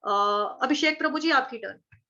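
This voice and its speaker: A woman teaching Sanskrit verse pronunciation in an online class, patiently repeating syllables and chanting lines slowly over a video call. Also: high-pitched, expressive, sharp tone, muffled recording. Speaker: Gita recitation teacher.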